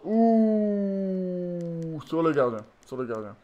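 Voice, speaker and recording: A tired man commentating his own football video game match, swinging from low muttering to shouted goal calls. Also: sing-song, drawn-out words, highs cut off. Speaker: gaming YouTuber. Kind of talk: live gameplay commentary.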